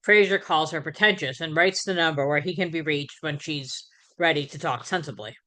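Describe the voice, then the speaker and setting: Bright-voiced woman recapping casually. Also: deep voice, moderate pace. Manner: conversational, with fillers and self-corrections. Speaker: podcast host.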